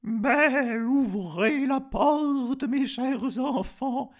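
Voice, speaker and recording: A man voicing a sly wolf who fakes a sweet mother goat's voice in a comic storybook reading, wheedling in falsetto. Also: very slow, heavily acted. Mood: sugary coaxing.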